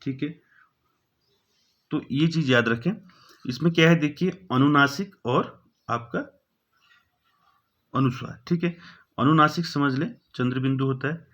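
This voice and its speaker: A man's voice: a little high, unhurried, pauses often, fairly bright tone. Man teaching an exam-prep grammar lesson. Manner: repeats each question, fills with "thik hai". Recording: dull, lo-fi sound.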